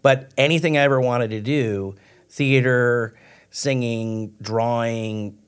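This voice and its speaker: A man's voice: medium pitch, steady tone, slow pace, smooth. A man hosting a podcast, chatting with enthusiasm. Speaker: podcast host. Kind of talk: casual podcast chat.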